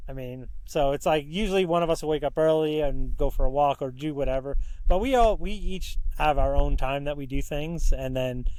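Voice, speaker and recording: A man's voice: fairly high pitch, a little fast, darkish tone, rough recording. A middle-aged man telling stories casually and frankly as a podcast guest, self-deprecating and mildly profane. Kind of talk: casual, candid storytelling.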